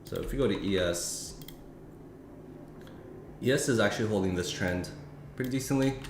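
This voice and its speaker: A man's voice: lowish voice, moderate pace. A man streaming live market commentary, thinking aloud with many fillers and restarts. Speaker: futures trading streamer. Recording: echoey room with faint noise.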